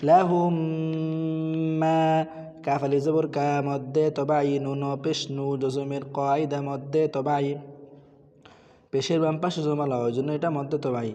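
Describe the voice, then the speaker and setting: A man's voice: medium pitch, mellow, big-room sound, lo-fi sound. A man teaching Quran recitation, patiently spelling out letters and vowel marks and repeating each word before reciting it.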